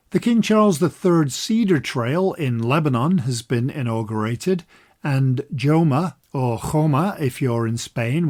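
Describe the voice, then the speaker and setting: A Scottish man with a fairly high, darkish voice hosts a walking podcast. He reads a news roundup with dry humour before introducing his guest, keeping things upbeat and conversational.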